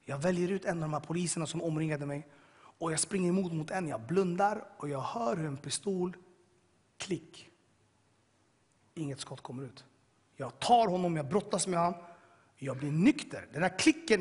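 A man with a slightly high, husky voice tells his testimony to a listening crowd. He swings between sudden loud bursts and quiet, hushed stretches. His voice rings out with a long reverb, as in a big hall. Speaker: person giving a testimony. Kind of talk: personal testimony to an audience.

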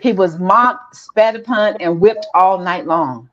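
Female preacher, measured declarative delivery, muffled lo-fi sound. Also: medium pitch. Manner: slow declarative call and response. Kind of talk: sermon.

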